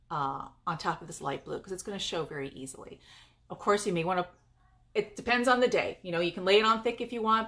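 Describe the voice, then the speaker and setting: A woman from California who paints furniture and owns a paint business does a casual live-stream demonstration from her home garage. She is chatty and upbeat as she talks to viewers, with a medium-pitched, slightly bright voice.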